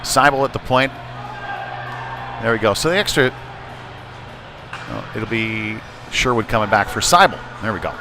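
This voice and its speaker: This play-by-play commentator has a fairly low, animated voice, moderate in pace and full of frequent pauses, with music underneath. He calls live ice hockey conversationally, thinking aloud, in a noisy broadcast from an indoor rink.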